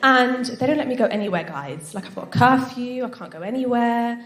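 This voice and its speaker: A woman doing live stand-up, chatty with the audience and given to snorting giggles. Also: on the high side. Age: 20s. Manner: giggles and snorts while laughing; chatty, addresses the audience with frequent tag questions. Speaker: stand-up comedian. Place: stage at a live comedy night. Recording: echoey live venue with background noise.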